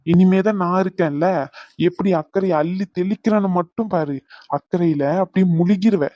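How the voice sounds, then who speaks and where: A teasing, doting young man, played by a woman in a homemade audio drama romance. The voice sits lower than her usual, coaxing and playful, close and dry. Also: normal speed, dark tone, no echo, highs cut off, lightly acted. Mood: affectionate teasing.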